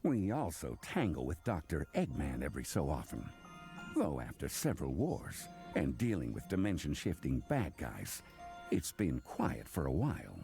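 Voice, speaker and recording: An actor playing a self-important male crocodile detective, narrating an audio drama in gravelly, melodramatic hard-boiled style. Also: extremely low pitch, huge pitch swings, normal speed, mellow, soft background music, exaggerated voice. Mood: brooding, grandiose.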